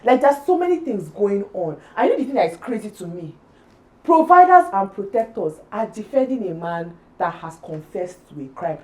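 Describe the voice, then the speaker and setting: A woman's voice: medium pitch, very animated, normal speed, a little mellow, poor audio. A young woman from Nigeria co-hosting a casual podcast chat, talking with heated emphasis. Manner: impassioned, emphatic. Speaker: podcast co-host.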